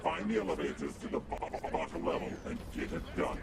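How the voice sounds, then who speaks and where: A man voicing a male corporate mission-control AI that speaks in a neutral monotone with an uncanny text-to-speech quality and gives formal briefings. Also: fairly high pitch, fast talker, gravelly, noisy background, heavily acted. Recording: game audio with loud music behind. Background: loud game music.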